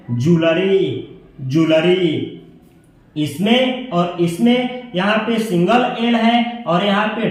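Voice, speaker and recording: A man teaching a spelling lesson, spelling words out letter by letter in a slow, deliberate way. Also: sits high. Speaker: English teacher. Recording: echoey room, voice from a distance.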